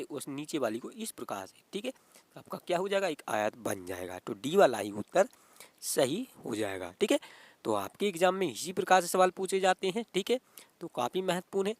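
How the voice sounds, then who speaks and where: A man's voice: a little high, big pitch swings, normal speed, no echo. A man explaining exam reasoning questions as a teacher, repeating himself and checking in often with "okay". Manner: repetitive, keeps asking "what is it" and saying "okay".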